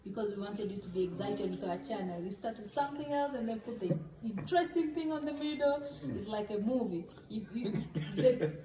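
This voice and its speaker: A woman's voice: mid-range voice, lively intonation, brisk, hardly any pauses, roomy sound, noisy background. Earnest Tanzanian woman in her thirties. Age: 30s. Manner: earnest, non-native grammar. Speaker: vlog co-host. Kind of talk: casual chat.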